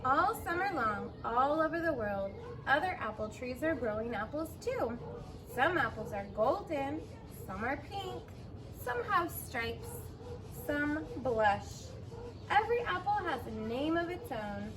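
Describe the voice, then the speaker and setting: Reading a picture book a little slowly, the woman uses a high voice with big pitch swings, elongating words and tossing in simple asides and questions for the young children listening. She is in her thirties or forties. The recording, made in a fenced backyard, carries clear outdoor noise.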